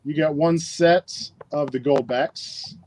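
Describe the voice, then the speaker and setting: A man's voice: on the high side, steady tone, slow, darkish tone, a little hiss or hum, low-quality recording. A man hosting a live stream giveaway in a casual, chatty and upbeat way, talking into a phone. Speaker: livestream giveaway host.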